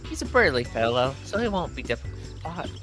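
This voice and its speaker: A woman's voice: deep voice, sing-song, quick pace, over music. A woman voicing an earnest, hopeful festival helper in a video game, reading carefully and formally. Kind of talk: reading game dialogue aloud.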